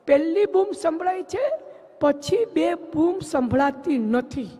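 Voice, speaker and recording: A man's voice: extremely high pitch, lively intonation, slow, mellow, in a large hall, exaggerated voice. A man doing a sly house servant. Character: cheeky male house servant.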